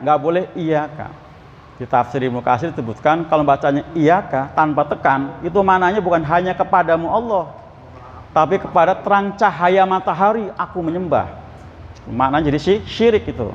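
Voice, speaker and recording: Man, mosque sermon, slightly high voice, muffled echoey hall sound, drawn-out Arabic recitation. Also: slight background noise. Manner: explains by asking the audience questions and slowly reciting Arabic verses. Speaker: ustadz giving Quran exegesis.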